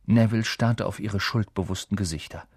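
A man narrating a storybook audiobook in an expressive way. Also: fairly low pitch, fairly quick, slightly rough, dry recording, clean studio sound.

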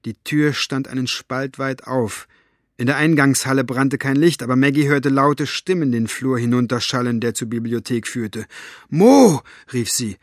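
A man narrating a storybook with an expressive, dramatic reading. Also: medium pitch, moderate pace, dry recording, clean studio sound. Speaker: audiobook narrator.

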